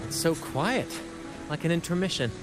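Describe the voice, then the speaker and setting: Man playing a lively, theatrical young seafaring adventurer. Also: a little high, normal speed, lightly acted. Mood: calm, assured. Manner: theatrical, teasing. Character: theatrical, playful, self-assured young male seafaring adventurer. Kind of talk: video game voice acting. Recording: loud music behind the voice.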